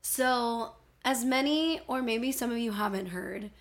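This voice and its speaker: A woman's voice: on the high side, measured pace. A woman with a Miami accent hosting a casual solo podcast, talking in an informal, playful and self-deprecating way. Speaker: podcast host.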